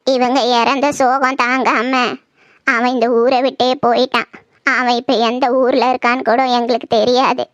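A woman voicing a grieving old village grandmother in a cartoon, talking slowly in a lamenting way. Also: on the high side, flat delivery, fairly bright tone, no echo, lo-fi sound, close to an everyday voice. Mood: gossiping. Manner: slow, mournful, lamenting. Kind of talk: cartoon voice acting.

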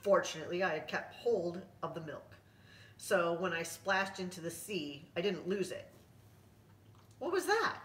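A woman reads a picture book aloud to children in a gentle, coaxing way, chatting warmly to her dog between pages. Her voice is on the low side. It sits well back from the mic, with a roomy echo around it. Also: normal speed. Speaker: volunteer reading to children with a therapy dog. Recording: roomy room, distant mic.

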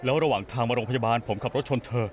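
A man's voice: mid-range voice, fairly even intonation, racing, natural voice. An actor dubbing an anguished young man in a TV drama, pleading frantically. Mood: desperate. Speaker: distraught son. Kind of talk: Thai dub of a TV drama.

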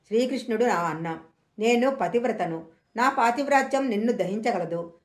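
A stern, defiant queen from an old tale, read by a woman storyteller in her own voice. Her fairly high voice rings with a roomy echo. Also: animated, moderate pace, natural voice. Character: proud queen warning her abductor, defiant. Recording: echoey room.

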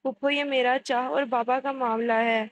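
A stubborn, devoted boy who pleads with his father and protects a little girl , as a woman reads him aloud. The voice stays high. A faint hiss runs under it. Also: steady tone, muffled recording, natural voice. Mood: pleading. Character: stubborn devoted young boy, later young man.

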